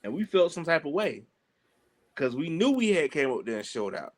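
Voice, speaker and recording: A man's voice: a little high, sing-song, normal speed. A man telling stories casually and animatedly in colloquial speech, acting out the exchanges he quotes. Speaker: pro wrestler telling stories.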